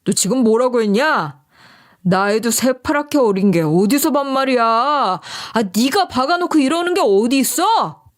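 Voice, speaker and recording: Storybook read: a woman doing a raging husband, high and shouty, combative. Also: animated, normal speed, lightly acted. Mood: furious. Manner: yelling, combative. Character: enraged middle-aged husband shouting in a brawl.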